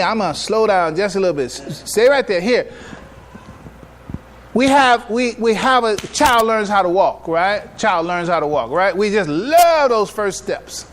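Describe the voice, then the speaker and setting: A high-pitched man acts as an imam delivering a religious lecture to an audience. He teaches through emphatic rhetorical questions and repetition, his phrasing deliberate and halting.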